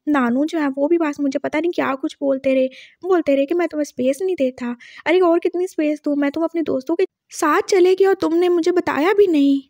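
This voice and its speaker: A woman's voice: sits high, animated, moderate pace, dry recording, studio quality. A woman voicing a tearful, touchy young man who complains in a whiny rush. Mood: tearful, hurt.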